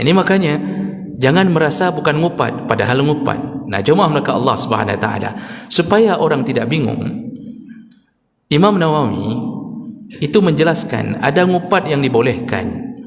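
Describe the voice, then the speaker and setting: A man with an Acehnese accent preaching a sermon in a mosque, lively, with rising and falling emphasis and repeated key phrases. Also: mid-range voice. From Indonesia. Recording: long reverb of a mosque hall.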